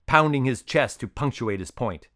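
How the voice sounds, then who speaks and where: A man narrating a children's story in an even, descriptive way. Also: medium pitch, moderate pace, no room sound, clean studio sound.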